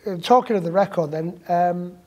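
A man's voice: sits high, moderate pace. A man interviewing a guest, mostly chipping in with short reactions and follow-up questions. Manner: brief encouraging reactions. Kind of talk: casual interview.

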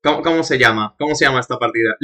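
A man's voice: mid-range voice, brisk, fairly bright tone. A young man with a Spain Spanish accent streaming a game, chatting casually and cursing as he talks to his chat. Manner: chatty, profane, laughing asides to chat. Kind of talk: casual live-stream commentary.

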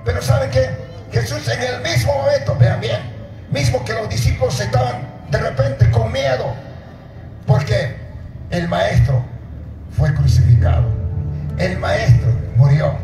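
Through a handheld mic and PA, a middle-aged pastor delivers an open-air sermon from an outdoor stage at night, his voice sitting high. He calls out to the congregation and shouts at the peaks, and since it was filmed from far off, the sound is echoey and distant.

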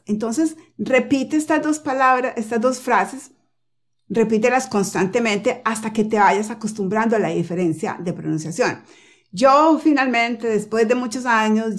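A woman whose first language is Spanish, teaching English pronunciation in a casual, animated lesson and repeating example phrases. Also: a little high. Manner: tag questions, jumps for stress.

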